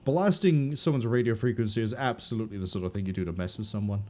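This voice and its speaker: A man giving relaxed, rambling playthrough commentary as a gaming video host. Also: lowish voice, fast talker. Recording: faint game music behind.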